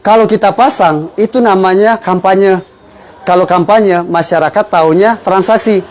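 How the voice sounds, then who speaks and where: A man giving an informal motivational business pitch, persuasively explaining and punctuating his points with rhetorical questions. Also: moderate pace, darkish tone. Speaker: business presenter explaining a fertilizer sales strategy.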